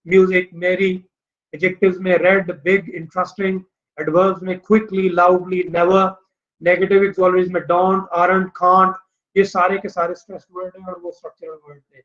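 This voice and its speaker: A man teaching a recorded online lecture, explaining steadily, mixing in English terms, with drawn-out "uh" fillers. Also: high voice, flat delivery, fairly bright tone. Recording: dull lo-fi recording.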